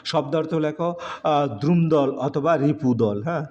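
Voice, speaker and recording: A male teacher walking students through an exam-prep lesson, slowly reciting letters and numbers one by one. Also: fairly high pitch, darkish tone. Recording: dull lo-fi recording.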